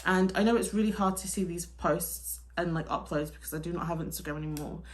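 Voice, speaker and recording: Speaking fast in a lowish voice, a young woman from the UK runs through a relaxed get-ready-with-me Q&A, peppered with "like" and false starts. She vlogs and works as a teacher in Korea.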